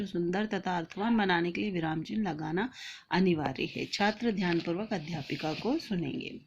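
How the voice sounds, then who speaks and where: A woman dictating a lesson plan point by point in a steady, methodical way, as a teacher trainer. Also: medium pitch, lo-fi sound, slight background noise.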